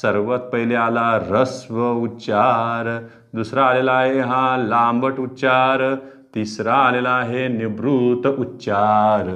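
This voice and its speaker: A man teaching a pronunciation lesson, repeating words aloud slowly, stretching out sounds and answering his own questions. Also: mid-range voice, a bit bright. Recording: slightly dull lo-fi sound.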